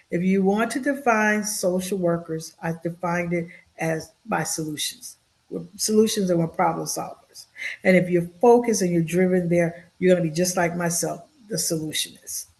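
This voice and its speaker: A woman in her fifties speaks as a podcast guest with an earnest, heartfelt delivery. She circles back on her own phrases and repeats words for emphasis. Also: on the low side. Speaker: podcast guest, social worker. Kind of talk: heartfelt interview talk.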